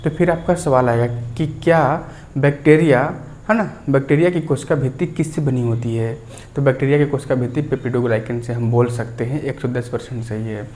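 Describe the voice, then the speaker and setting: A man's voice: medium pitch, a little fast, darkish tone. A man teaching a science lesson, explaining step by step, checking in with the listener and repeating key terms. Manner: clears throat now and then.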